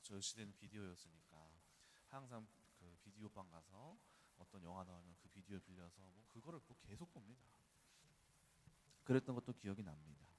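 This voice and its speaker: A male pastor preaching at an early-morning church service, talking in a conversational way and weaving in personal stories. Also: lowish voice. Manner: conversational, storytelling with personal anecdotes. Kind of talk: dawn service sermon.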